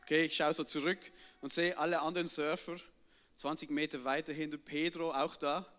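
Animated young man telling a story. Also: fairly high pitch, brisk. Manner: animated, tags sentences with a questioning "oder?". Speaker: storyteller on stage. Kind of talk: live personal storytelling to an audience. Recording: reverberant hall.

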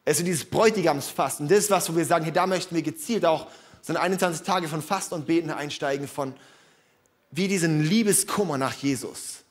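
A man with a fairly high voice preaches to his congregation. His delivery is casual and emphatic, and he often drops in informal asides as he goes. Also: fairly quick. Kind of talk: sermon.

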